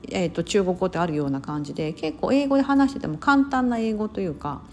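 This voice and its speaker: A woman's voice: lowish voice, fast talker, a little mellow, a little hiss or hum. A woman from Osaka chatting casually on her podcast, full of fillers and self-corrections. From Osaka, Japan. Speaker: podcast host. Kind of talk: casual solo talk.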